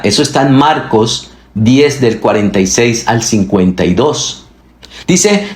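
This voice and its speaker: A man's voice: mid-range voice, roomy sound. A male pastor preaching a sermon, reading scripture aloud and asking the congregation questions, with his delivery rising and falling for emphasis.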